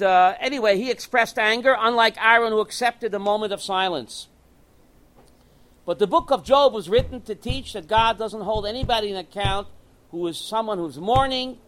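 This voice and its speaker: High-voiced man teaching an animated class. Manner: animated, repeats phrases, asks and answers own questions. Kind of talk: religious class lecture.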